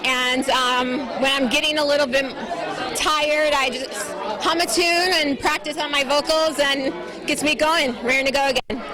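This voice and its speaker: A woman speaks in a high voice as an interview guest on a red carpet. Her answers are casual, enthusiastic and gushing. A crowd is clearly heard behind her. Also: moderate pace. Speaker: pageant titleholder and magazine editor. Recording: event crowd in large room.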